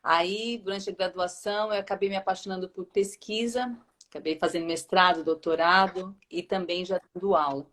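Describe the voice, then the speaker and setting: A Brazilian teacher in her fifties is a guest in a live interview, her voice on the low side and a bit bright. She keeps a steady tone at normal speed but speaks hesitantly, with many fillers.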